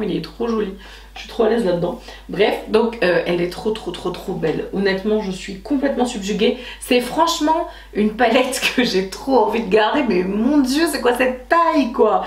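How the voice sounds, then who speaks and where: A woman's voice: medium pitch, roomy sound, far from the mic. A woman chatting enthusiastically in a casual beauty haul vlog, with many fillers and restarts. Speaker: beauty vlogger.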